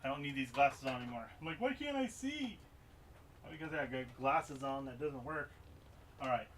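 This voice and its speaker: A man's voice: medium pitch, fairly even intonation, fairly quick, fairly bright tone. A man streaming live as he repairs game consoles, chatting casually and mumbling asides to himself while he works. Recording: voice a bit far from the mic, faint noise behind.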